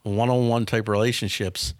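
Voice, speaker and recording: A man's voice: on the low side, level tone, normal speed, dry recording, clean studio sound. A man in his fifties, a business owner answering interview questions frankly and often repeating words as he starts a sentence. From small town near Milwaukee, US. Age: 50s. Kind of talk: casual interview talk.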